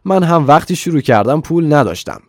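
A man's voice: on the high side, lively intonation, dry recording, clean studio sound, pitched above the performer's own voice, natural voice. Man playing a shrewd teasing old millionaire. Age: older. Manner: probing, playful questioning. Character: shrewd rich older male millionaire, teasing.

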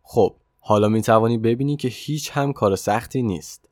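A man reading the part of a calm, self-assured wealthy male millionaire who mentors a young man in an audiobook story. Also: medium pitch, dry recording, clean studio sound, lightly acted. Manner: calm and insistent.

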